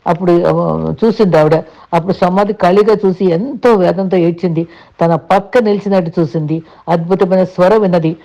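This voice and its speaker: Gravelly-voiced woman preaching a devotional sermon. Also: lowish voice, dark tone. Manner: earnest, repeats and restarts words, addresses listeners politely. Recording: dull lo-fi recording.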